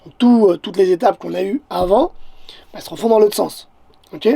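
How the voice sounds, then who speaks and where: A man with a Québécois accent, a photographer talking casually to the viewer in an excitable vlog, often stammering and repeating words. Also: sits high, normal speed, creaky, husky, no echo. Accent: Québécois French. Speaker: photographer and vlogger.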